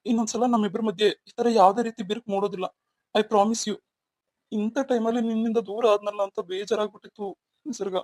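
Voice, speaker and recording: A woman's voice: medium pitch, darkish tone, no room sound, lightly acted. A woman voicing a young man in a cartoon, a devoted husband who talks in a tender, apologetic, coaxing way. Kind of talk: cartoon voice acting.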